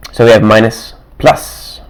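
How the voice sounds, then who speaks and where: A man with a mid-range voice teaches math casually at his desk, walking through worked examples while thinking out loud, chuckling softly and adding asides. His throat sounds dry and raspy, he clears it repeatedly, and it gets rougher over time.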